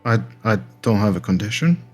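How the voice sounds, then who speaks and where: A man's voice: fairly low pitch, big pitch swings, a little fast, faint music behind. A man voicing a frightened middle-aged vagrant who stammers and begs to be left alone.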